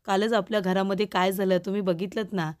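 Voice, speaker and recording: A woman's voice: mid-range voice, level tone, fast, darkish tone, natural voice. A woman voicing a worried middle-aged housewife in a serial recap.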